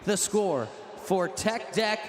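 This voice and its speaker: A man giving excited, emphatic live play-by-play as an event commentator, often shouting. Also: sits high, slow pace. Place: large stadium event. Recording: echoey stadium PA, loud engine noise.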